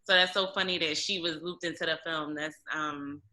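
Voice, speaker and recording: A woman's voice: low-pitched, steady tone, moderate pace, sharp tone, poor audio. A woman hosting a film club talk, chatting with her guest and reading out audience questions. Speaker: film club host, interviewer. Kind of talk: casual interview hosting.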